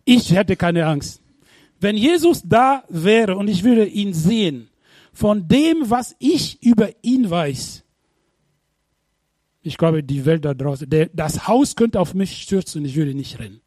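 A man preaching a sermon, animated, firing rhetorical questions at the congregation and sometimes bursting into shouts. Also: high voice, slow pace, no echo, clean studio sound. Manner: bursts into shouts when retelling.

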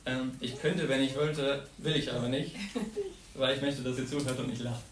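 A man's voice: mid-range voice, moderate pace. A young man from Saxony giving an informal, earnest sermon, acting out the psalm's lines with feeling. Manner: earnest, animated, acts out psalm voices. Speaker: preacher. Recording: echoey room, distant mic, noisy.

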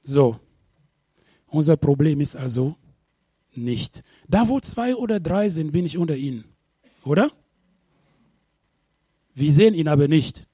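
A man preaching a sermon, animated, firing rhetorical questions at the congregation and sometimes bursting into shouts. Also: fairly high pitch, measured pace, long pauses, slightly rough, no echo, studio quality. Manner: bursts into shouts when retelling.

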